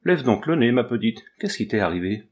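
A man's voice: medium pitch, very animated, a little fast, lightly acted. A man voicing a poor, elderly female ragpicker who talks brusquely but turns kind. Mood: gruff, coaxing. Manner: brusque scolding that softens into kindness.

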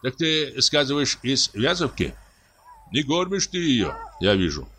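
A man's voice: medium pitch, very animated, unhurried, pushed and bright, a little hiss or hum, voice pushed up. A man voicing a bold, impatient hunter in a read-aloud story, curt and commanding. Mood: reproachful. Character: brusque bold male hunter.

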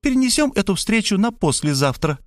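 A man's voice: sits high, sing-song, brisk, no room sound, studio quality, voice pushed up. A man voicing a pushy, scolding elderly mother in an audiobook. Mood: coaxing. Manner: scolding, insistent, dramatic. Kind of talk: audiobook character voice.

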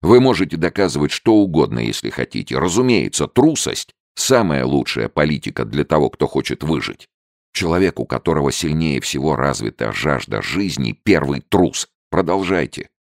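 A man voicing a stubborn young male soldier who speaks sharply and excitedly, his voice cracking at times. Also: extremely low pitch, moderate pace, vocal fry, no echo, clean studio sound, full character voice. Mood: bitter. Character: tense bitter young male deserter, stubborn.

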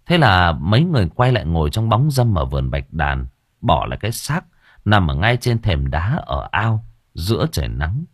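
A man's voice: low voice, big pitch swings, moderate pace, no echo, studio quality. A man narrating a horror story in a dramatic, emphatic storytelling manner.

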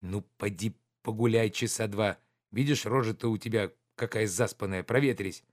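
A man's voice: on the low side, fairly even intonation, moderate pace, no echo, studio quality, natural voice. A man reading the part of an agitated nobleman urgently ordering his servants about. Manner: urgent, pressing, commanding.

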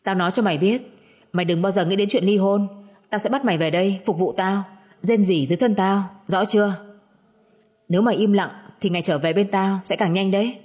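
A woman's voice: mid-range voice, fairly quick, a little mellow, long reverb tail, lightly acted. A woman reading a menacing, violent young husband. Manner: harsh and menacing.

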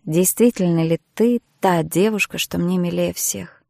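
An earnest young marine pleads tenderly with the woman he loves, voiced by a female audiobook narrator. His lines come out warm and slightly gravelly. The recording is close and dry. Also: lowish voice, unhurried, dry recording.

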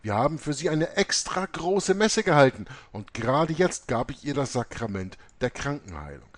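A self-assured older priest, voiced by a male storyteller, speaks soothingly with broad rises and falls. He sounds calm and certain. The reading is close and dry. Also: mid-range voice, normal speed, no room sound, pitched above the performer's own voice, lightly acted.

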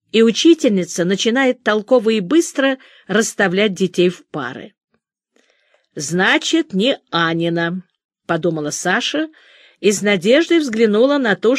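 Female audiobook narrator, lively melodic reading, dry close recording. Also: fairly high pitch, no echo. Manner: expressive reading, briefly voicing the characters' quoted lines. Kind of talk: scripted narration of a story.

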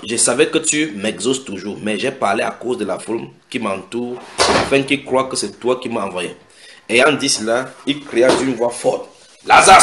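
A man preaching a sermon, breaking into loud dramatic voices for the people in the story. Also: medium pitch, roomy sound, heavy background noise. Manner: dramatic, acts out biblical voices with sudden loud shouts.

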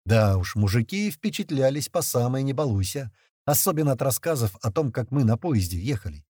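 Husky man narrating a crude action audiobook. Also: medium pitch, fairly quick, dry recording, clean studio sound. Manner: coarse, slangy, expressive storytelling. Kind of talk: first-person audiobook narration.

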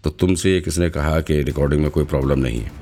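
A male narrator voicing a sharp-minded young woman investigator who probes and reasons aloud in an audiobook. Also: a bass voice, fast talker, soft background music. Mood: analytical.

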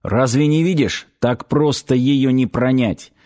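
A man voicing a gruff, steady male rifleman who speaks bluntly and matter-of-factly in an audiobook. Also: medium pitch, unhurried, close to an everyday voice.

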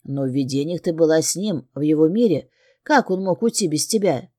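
A woman voicing a stern, brooding male mage teacher in an audiobook, speaking in a lowered, measured and insistent tone. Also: expressive, dark tone, no echo, clean studio sound. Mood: incredulous. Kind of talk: audiobook character voice.

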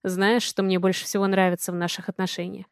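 A woman reading aloud, voicing a playful young male rescue worker in a soft, slightly lowered tone. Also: level tone, quick pace, creaky, smooth, no echo, studio quality, close to an everyday voice. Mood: tender.

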